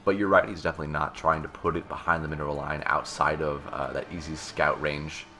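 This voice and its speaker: A man's voice: very deep voice, level tone, fast, sharp tone, a little hiss or hum. A man giving joking play-by-play commentary on a strategy video game match. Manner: joking, banters with co-caster. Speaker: esports caster.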